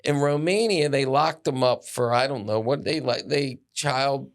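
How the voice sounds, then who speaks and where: A man's voice: medium pitch, measured pace, vocal fry. A man co-hosting a podcast in casual chat, opinionated and blunt with his questions. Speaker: podcast co-host.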